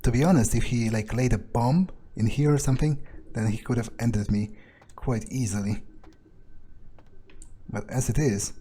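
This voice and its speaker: A gamer stays in character while playing a video game, musing out loud with dry, muttered asides in an in-character roleplay commentary. His voice is medium-pitched, dark and husky, at a normal speed.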